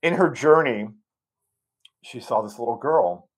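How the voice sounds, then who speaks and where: A man at a medium pitch, speaking as an interview guest. He tells a story earnestly, stopping and restarting often with plenty of ums. He sounds moved by what he is recounting. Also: expressive, measured pace, husky. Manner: emotionally moved while recounting.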